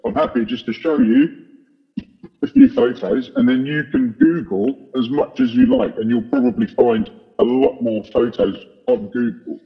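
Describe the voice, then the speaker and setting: A man's voice: big pitch swings, normal speed, vocal fry, slightly rough. A man with his voice electronically altered to hide his identity, a podcast guest who works as an aerospace engineer and speaks hesitantly with many fillers and restarts. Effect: voice electronically altered and deepened to hide his identity. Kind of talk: casual interview chat. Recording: dull lo-fi processed audio.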